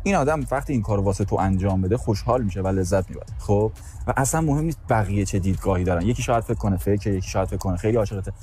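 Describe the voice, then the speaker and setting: A man's voice: lowish voice, mellow, slight background noise. A man on a reality show patiently explaining his view in a group talk. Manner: patient, explaining, repeats "okay?". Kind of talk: earnest advice in a group discussion.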